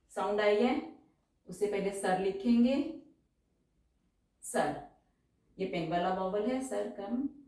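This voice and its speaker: Slow, echoey woman teacher. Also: medium pitch, darkish tone. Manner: repeats each word slowly, explains in mixed Hindi and English. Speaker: shorthand teacher. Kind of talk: step-by-step lesson, dictating words slowly. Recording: distant, very echoey room.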